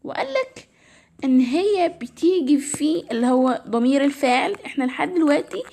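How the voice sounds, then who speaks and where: A woman with an Egyptian Arabic accent teaches English grammar casually and step by step, often repeating "تمام". Her voice is high and gravelly with a darkish tone, lively in intonation and at a normal speed. She sounds tired, her voice slightly strained.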